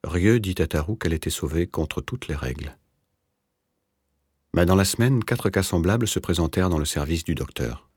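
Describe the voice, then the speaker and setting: A man narrating a novel in a measured, literary reading. His voice is extremely deep and husky, recorded dry and close with no room sound. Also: animated, a little mellow, no room sound. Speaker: audiobook narrator.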